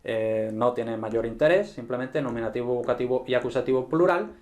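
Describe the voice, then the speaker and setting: A man teaching a grammar lesson at a board, relaxed and checking in often with his listeners. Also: medium pitch, brisk. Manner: relaxed, frequent "¿vale?" and "¿no?" check-ins.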